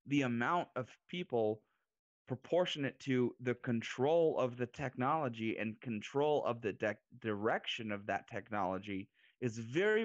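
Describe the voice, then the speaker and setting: A man's voice: mid-range voice, no echo, highs cut off. A man co-hosting a casual political podcast, talking emphatically and repeating words as he builds a point. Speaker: podcast co-host.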